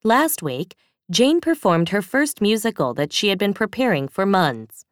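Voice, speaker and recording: Female reader for test audio, animated intonation, dead-dry booth sound. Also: mid-range voice, a little slow, no echo. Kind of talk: scripted exam listening narration.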